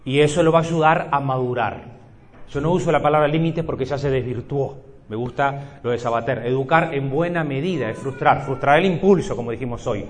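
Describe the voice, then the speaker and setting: A man, a psychologist giving a lively talk to parents and acting out little dialogues as he goes. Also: mid-range voice, brisk. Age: 50s.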